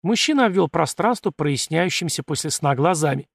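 A man narrating a first-person audiobook in a measured, even storytelling manner. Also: fairly high pitch, creaky, husky, dry recording, clean studio sound.

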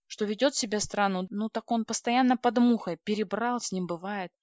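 A woman reading a first-person audiobook in a lively, wry, expressive manner. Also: medium pitch, normal speed, no echo. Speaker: audiobook reader. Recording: dry, slightly dull recording.

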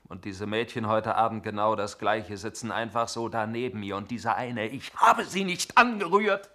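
A man's voice: fairly low pitch, expressive, normal speed, pushed and bright. An actor playing a sullen, resentful young man who threatens in a brooding, repetitive way, in 1960s German radio drama acting. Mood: menacing. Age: young adult.

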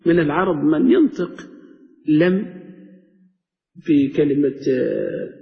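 A high-voiced man teaches grammar as a sheikh, checking his students with frequent questions. He stretches out each example as he recites it. His voice rings in a hall with a long echo. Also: fairly quick, highs cut off. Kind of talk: classroom lesson explaining a text.

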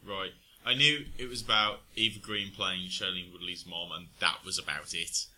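A deep-voiced man co-hosts a casual chat and rambles through his thoughts with plenty of ums and restarts. His tone is bright and a little sharp, and a faint noise runs under the recording. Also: fairly even intonation, normal speed. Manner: rambling, hesitant, many fillers. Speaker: podcast co-host.

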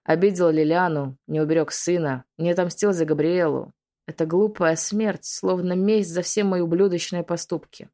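A woman's voice: lowish voice, fairly even intonation, normal speed, dark tone. Woman narrating a somber audiobook. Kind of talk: first-person audiobook narration.

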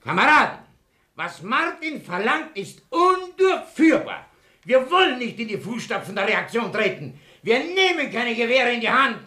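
An actor playing a pompous, domineering middle-aged socialist politician in a radio play, husky and speechifying. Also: male voice, on the low side, huge pitch swings, measured pace, exaggerated voice. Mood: declamatory, outraged. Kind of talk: theatrical radio play acting.

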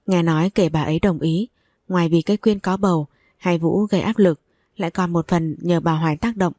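Low, dark-voiced woman storyteller. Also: a little fast, dry recording, clean studio sound. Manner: steady, even first-person storytelling. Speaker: story narrator. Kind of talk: audio story reading.

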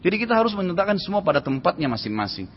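A man delivers a sermon at a brisk clip, his husky voice sitting a little high. He acts out quoted voices as he tells stories. The sound is muffled and carries a long hall reverb. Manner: lively storytelling with quoted voices. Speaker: preacher. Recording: dull reverberant lecture hall audio.

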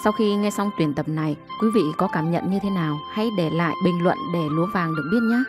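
A woman narrating a short story in a calm, measured storytelling voice. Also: on the low side, over music. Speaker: audiobook narrator.

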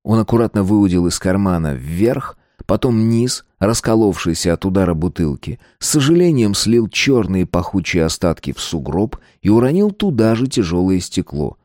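Male narrator, dark low voice, expressive read, dry. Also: normal speed, few pauses, no echo. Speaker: audiobook narrator. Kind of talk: scripted narration.

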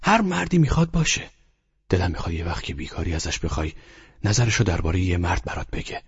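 A man voicing an agitated middle-aged man who rants bitterly and exasperatedly about his wife, pitched well above his own voice. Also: big pitch swings, husky, lo-fi sound, heavily acted. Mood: bitter ranting. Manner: bitter, exasperated, rising outbursts.

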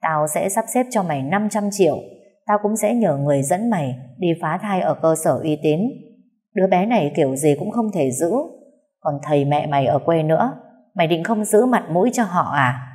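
A woman's voice: fairly low pitch, animated, normal speed, darkish tone, lightly acted. A woman voicing a grown son of a rich family who speaks in a curt, commanding, businesslike way. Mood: cold.

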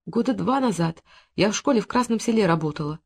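A reader voicing a young woman teacher who is shy and hurt, speaking softly. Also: mid-range voice, expressive, fast, gravelly, slightly rough. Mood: subdued.

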